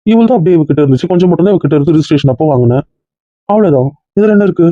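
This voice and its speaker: A man's voice: on the high side, lively intonation, racing, no echo, close to an everyday voice. A young man playing a stubborn groom who argues defiantly with his family. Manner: defiant, argumentative. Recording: muffled lo-fi sound.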